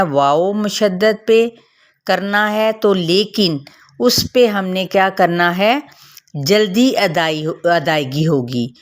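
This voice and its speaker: Brief: slow-spoken, lower-voiced woman, patient recitation teacher modelling sounds. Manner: patient, explains slowly and models each sound. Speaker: Quran reading teacher. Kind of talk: step-by-step recitation lesson.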